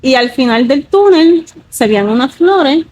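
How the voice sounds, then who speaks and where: Woman, 30s, slightly high pitch; earnest testimony with many fillers. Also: animated, unhurried, darkish tone, rough recording. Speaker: guest giving a testimony. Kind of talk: emotional personal testimony.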